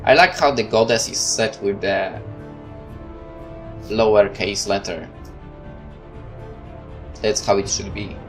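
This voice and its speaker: Low-voiced woman narrating a game playthrough. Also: takes it slowly, long pauses, soft background music. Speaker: gamer reading a visual novel aloud.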